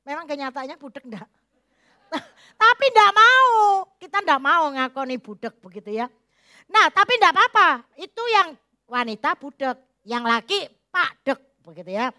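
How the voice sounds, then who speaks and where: A woman's voice: high-pitched, very animated, moderate pace, sharp tone, dry recording, studio quality. A middle-aged woman pastor, preaching a folksy, joking sermon. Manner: folksy, joking, mixes in Javanese phrases.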